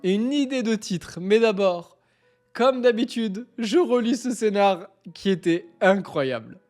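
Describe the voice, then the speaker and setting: A man chatting on a live stream, excitable, stammering and repeating himself as he keeps breaking into laughter. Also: sits high, measured pace, soft background music. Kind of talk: casual live-stream chat.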